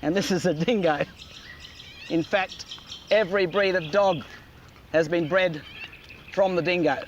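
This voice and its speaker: A man's voice: high voice, steady tone, measured pace, highs cut off, slight background noise. A man presenting outdoors in an easygoing way and chatting to his dog. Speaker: wildlife presenter. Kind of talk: presenting to camera.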